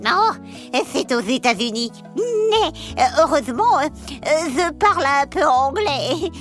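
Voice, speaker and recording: A woman's voice: sits high, sing-song, takes it slowly, fairly bright tone, faint music behind, full character voice. A woman voicing a cheerful, giggly female elf who tells stories to children, exclaiming often and hesitating with many fillers. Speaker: children's storyteller. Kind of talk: children's story narration.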